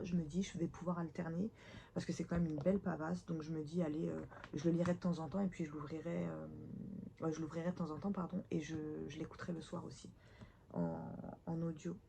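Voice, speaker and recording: Congested, low-voiced woman vlogging. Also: creaky, warm tone, a little hiss or hum. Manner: self-deprecating, a little awkward on camera. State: congested and hoarse with a cold. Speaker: host of a book vlog. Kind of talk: casual chatty vlog to camera. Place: at home, indoors.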